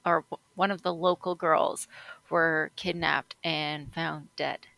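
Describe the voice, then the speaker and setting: A woman's voice: deep voice, steady tone, slow pace, gravelly, bright, forceful tone, dry recording. A woman from Canada, a guest on a podcast, explaining things in an earnest, casual way.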